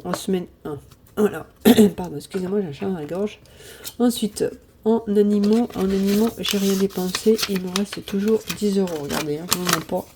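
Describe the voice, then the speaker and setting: A woman's voice: medium pitch, noisy background. Chatty woman in her fifties. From southern France. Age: 50s. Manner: chatty, hesitant, many fillers; repeats "voilà, voilà". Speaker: budgeting vlogger. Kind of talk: casual chat to viewers.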